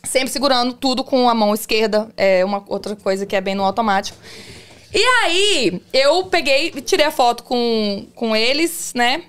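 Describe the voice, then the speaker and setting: A woman's voice: a little high, animated, fairly bright tone, clean tone. A woman, a police officer, telling stories on a podcast in a chatty way, often checking that her listeners follow. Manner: rapid, chatty, keeps asking "you understand?". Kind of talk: casual podcast storytelling.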